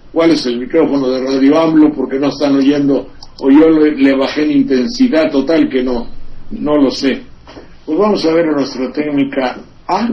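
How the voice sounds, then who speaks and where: A man with a Mexican Spanish accent hosting a radio talk show, giving digressive, sardonic political commentary full of asides and wordplay. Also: fairly high pitch. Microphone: studio microphone. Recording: slightly dull lo-fi radio recording.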